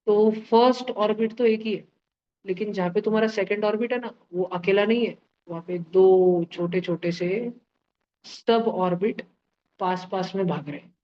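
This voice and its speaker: A high-pitched male chemistry teacher brings his live online lesson to life, acting out ideas with sound effects and homely analogies. He turns to his students again and again with quick questions. The recording itself is dull and lo-fi.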